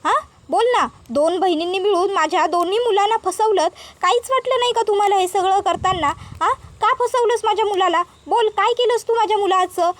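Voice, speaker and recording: A woman's voice: very high-pitched, brisk, hardly any pauses. A woman voicing a furious, proud middle-aged mother-in-law who scolds insistently. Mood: angry.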